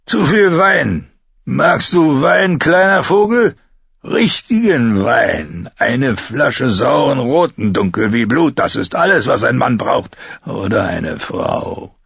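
Guy doing a drunk scarred brute, slow slurry taunting, gravelly and husky, kinda dull sound. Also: mid-range voice, big pitch swings, a bit bright, dry recording, pitched above the performer's own voice, exaggerated voice. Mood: drunken. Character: drunk scarred brutal male knight's guard, mocking. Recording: slightly dull recording.

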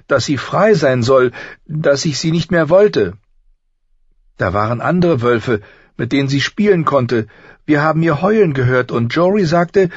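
A man voicing a tearful, fierce young girl who blames herself, speaking high and pleading through sobs. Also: slightly rough, no room sound, dull audio. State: crying.

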